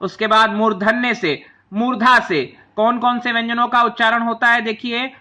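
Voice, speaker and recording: Bright, high-voiced man teaching grammar. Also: steady tone. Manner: slow, patient, spells out each sound one by one; asks the class to say the sounds along with him. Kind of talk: classroom lesson explaining a chart.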